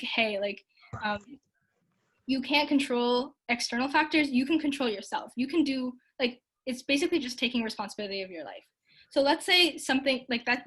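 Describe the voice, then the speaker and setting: A young Canadian woman with a fairly bright, higher-pitched voice gives a casual online talk and takes audience questions. She sounds upbeat and earnest, and her speech is packed with likes and ums.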